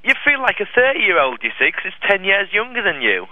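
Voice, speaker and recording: A podcast co-host trades casual banter, blunt, teasing, and swearing freely. His high voice is very animated and a little fast, carried over a dull lo-fi line with no room sound.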